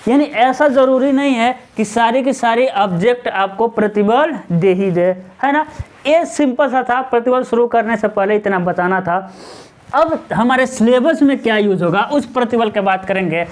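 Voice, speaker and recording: A man's voice: very high-pitched, moderate pace. A male teacher giving a classroom lecture, firing questions at his students and answering them himself, and tagging on short check-in questions. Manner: keeps adding a tag question.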